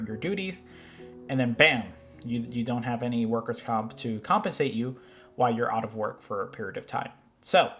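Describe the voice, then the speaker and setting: A man in his thirties talks through reaction clips in a casual, rambling way, often restarting his sentences. His voice sits in a middle pitch, and faint music plays quietly behind him. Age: 30s. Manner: rambling, with frequent restarts and fillers. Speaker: host reacting to finance videos. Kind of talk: casual commentary.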